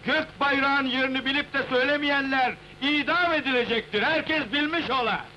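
High-pitched, piercing town crier. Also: male voice, normal speed, bright, forceful tone, highs cut off, heavily acted. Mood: stern, proclaiming. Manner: town crier's proclaiming call to the public. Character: loud town crier proclaiming a sultan's stern decree. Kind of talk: old Turkish historical film acting. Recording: noisy old film soundtrack.

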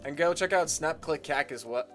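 A man hosting a casual gaming stream, chatting and yelling at the game as he plays. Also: fairly high pitch, moderate pace. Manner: excitable, yells and laughs at game moments. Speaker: streamer host. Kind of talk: casual chat while gaming. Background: background game music.

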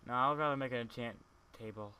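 A man's voice: medium pitch, quick pace, sharp tone, clean tone. A man chatting casually and teasing his friends while playing a block-building game, swearing freely. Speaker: let's play gamer. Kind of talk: casual gaming chat.

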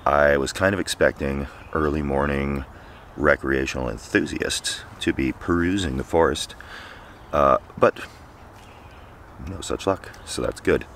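A man's voice: rumbling low, a little slow, creaky, a bit bright, slight background noise. A man in his forties filming a casual camping vlog outdoors in the woods, talking to a nearby camera with dry, wry asides. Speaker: camping vlogger. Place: woods at night and morning, outdoors.

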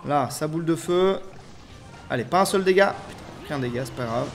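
Excitable gamer, outbursts and mutters. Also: male voice, on the high side, brisk. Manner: swings from muttering to loud outbursts, swears often. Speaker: gaming YouTuber. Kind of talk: live gameplay commentary. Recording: faint game music behind.

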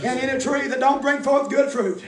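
A male revival preacher hollers his exhortations in a high voice. He is picked up from a distance in an echoing church, with a congregation calling out around him. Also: steady tone, a little fast, a crowd in the background. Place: church during a revival meeting.

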